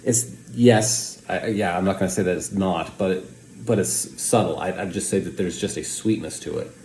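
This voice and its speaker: Low, mellow American man, rambling review. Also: moderate pace. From United States. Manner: rambling, hesitant, circling back to qualify points. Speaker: pipe tobacco reviewer. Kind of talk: casual product review. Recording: roomy echo, faint background noise.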